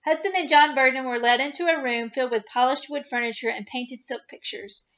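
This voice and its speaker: Female storyteller, high voice, chapter-book read-aloud, lo-fi sound. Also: brisk. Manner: steady, expressive read-aloud narration. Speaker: children's ministry storyteller.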